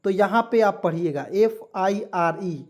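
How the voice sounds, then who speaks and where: A man's voice: high voice, measured pace, darkish tone. Man quizzing his class with questions. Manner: quizzes listeners with repeated rhetorical questions; addresses listeners as friends, checks they follow. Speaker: English teacher. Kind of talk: online lesson explaining spelling.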